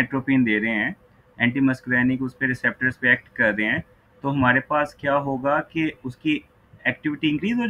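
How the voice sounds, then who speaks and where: A man's voice: medium pitch, narrow, tinny audio. A man giving an online physiology lecture who mixes Hindi-Urdu and English, asks students questions and keeps checking "ok, right?".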